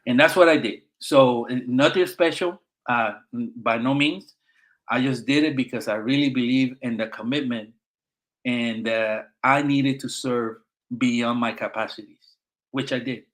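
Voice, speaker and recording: Earnest and conversational, this middle-aged man is a Marine veteran guest in an interview, originally from Puerto Rico and carrying its accent. He uses frequent fillers and restarts, speaking a little slowly in a mid-range voice.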